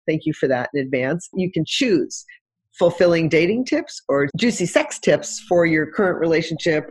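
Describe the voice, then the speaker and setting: Middle-aged woman, relationship coach guest, husky lower voice, lively expressive delivery. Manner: expressive storyteller acting out dialogue. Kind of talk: animated talk-show interview.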